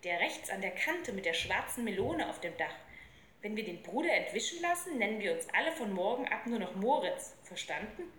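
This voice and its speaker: A woman's voice: medium pitch, sing-song, a little fast, fairly bright tone, slight background noise. A woman reading aloud, voicing a cheeky, slangy street boy. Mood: brash. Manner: brash, slangy, eager. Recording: roomy with faint ambience.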